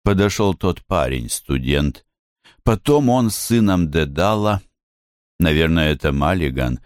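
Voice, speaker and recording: Low-voiced guy reading a novel slow, really lively tone, crisp studio sound. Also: dry recording. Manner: measured, expressive reading. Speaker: audiobook reader. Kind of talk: literary audiobook narration.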